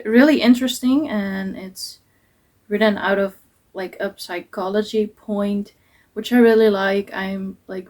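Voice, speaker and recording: Speaking with a mid-range, darkish voice, a young Dutch-native woman goes over her book picks for a casual vlog. She sounds earnest but hesitant, filling pauses with many ums.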